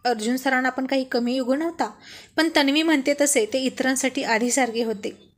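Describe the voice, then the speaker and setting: A woman storyteller narrating a serial love story in an expressive, chatty manner. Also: high voice, moderate pace.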